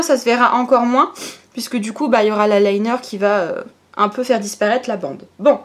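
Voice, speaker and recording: Chatty French-speaking woman doing makeup. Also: fairly high pitch. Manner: chatty, explains each step with fillers and little "hop" sounds. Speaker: beauty vlogger. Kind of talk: casual get-ready-with-me makeup tutorial.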